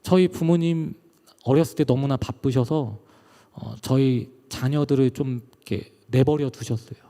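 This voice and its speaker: A man's voice: mid-range voice, moderate pace, dark tone, big-room sound. A middle-aged male pastor giving an emotional testimony sermon, his delivery rising and falling.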